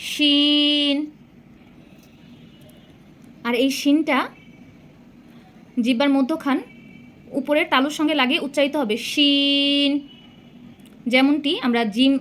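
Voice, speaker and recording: A woman teaching Arabic letter pronunciation as a patient Quran reading teacher, sounding out each letter slowly and repeating it with care. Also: sits high, a bit bright. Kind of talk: slow recitation lesson.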